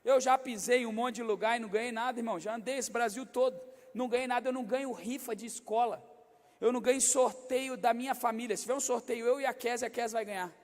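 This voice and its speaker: A middle-aged Brazilian man with a Rio de Janeiro accent, preaching a sermon as pastor and swinging from quiet, confiding asides to loud, shouted exhortation. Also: very high voice, fairly even intonation, fast. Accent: Brazilian Portuguese, Rio de Janeiro state. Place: large church hall. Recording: long hall reverb.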